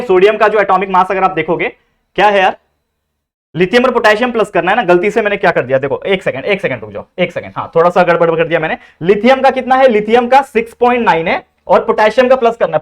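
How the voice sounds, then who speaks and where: Young guy tutoring, high voice, talks super fast, chatty, keeps checking if you got it. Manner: chatty, coaxing, mixes Hindi with English terms. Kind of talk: fast exam revision lesson.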